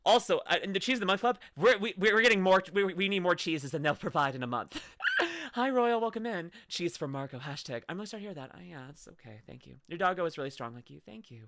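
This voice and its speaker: A young woman streams from home, reacting to videos and gushing effusively in casual chat, restarting her sentences often. She talks fast and animatedly in a fairly low, slightly bright voice. The recording is dry.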